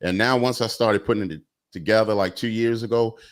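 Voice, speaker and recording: In Atlanta, a man in his forties hosts a casual podcast chat in a fairly low voice with fairly even intonation. He talks a little fast, laid-back and rambling, with plenty of fillers.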